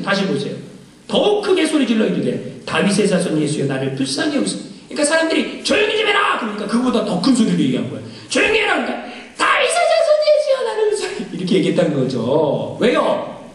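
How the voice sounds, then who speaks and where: Male pastor, sermon; high voice, lots of rhetorical questions to the congregation, shouted scripture quotes, echoey hall. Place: church sanctuary. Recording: echoey church hall, mic at a distance.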